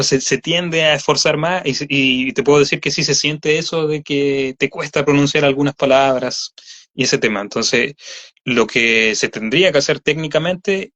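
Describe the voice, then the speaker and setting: In a casual interview, a voice actor guest with a Chilean accent talks at length, filling his explanations with fillers. He speaks at normal speed in a medium-pitched, fairly bright voice, captured on slightly dull lo-fi audio.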